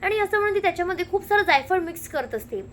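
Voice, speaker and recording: A woman narrates a television serial's episode at a rapid clip, in a high, quick voice. She jumps straight into the characters' quoted lines without slowing down. A faint hiss of noise sits behind her. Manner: rapid, lively retelling, slipping into characters' lines. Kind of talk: fast storytelling recap with acted quotes.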